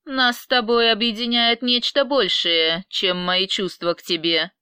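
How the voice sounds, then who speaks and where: A woman's voice: mid-range voice, fairly even intonation, unhurried, bright, forceful tone, clean tone, dry recording, clean studio sound. A woman voicing a possessive, obsessive man who talks in an insistent, menacing way.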